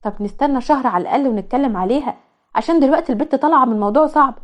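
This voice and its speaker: Woman doing an egyptian mom, cautious, scolding, brisk. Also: sits high, dull audio, close to an everyday voice. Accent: Egyptian Arabic. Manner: scolding, measured. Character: cautious middle-aged mother.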